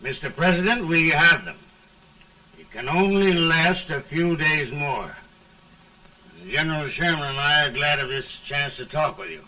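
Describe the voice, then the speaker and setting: Respectful general, early talkie film acting, formal declamation, slightly high bright voice, distant 1930s recording. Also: male voice, measured pace. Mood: earnest, confident. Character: brisk, respectful male army general reporting to president.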